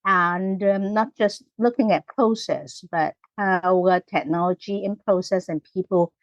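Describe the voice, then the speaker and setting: Answering interview questions as a guest engineer, this middle-aged Hong Kong woman has a Hong Kong accent and a medium-pitched voice, speaking a little slowly. She often says um and uh and laughs briefly between phrases. There's no echo, but the audio sounds dull.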